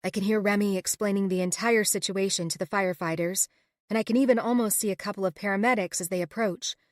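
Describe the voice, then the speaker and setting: A woman narrates a first-person romance audiobook with emotional, expressive reading. Her voice sits in a middle register. The recording is dry and close. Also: mid-range voice, quick pace, no room sound.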